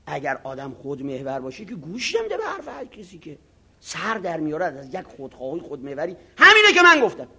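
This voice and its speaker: A man's voice: a little high, creaky, breathy edge. A man preaching a moral sermon to seminary students, acting out arrogant voices and mocking himself. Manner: animated, acts out arrogant voices, self-mocking; chants Arabic scripture slowly. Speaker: cleric teaching ethics.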